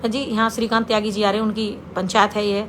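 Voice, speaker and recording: A woman's voice: mid-range voice, little pitch movement, quick pace, a bit bright, slight background noise. A middle-aged woman gives an angry public statement, confronting and scolding a rival directly.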